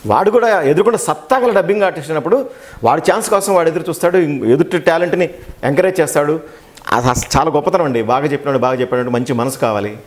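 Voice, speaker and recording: A man who works as a dubbing artist and actor, giving an interview and telling stories with quick, animated delivery, acting out the dialogue he quotes. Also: on the high side. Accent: Telugu.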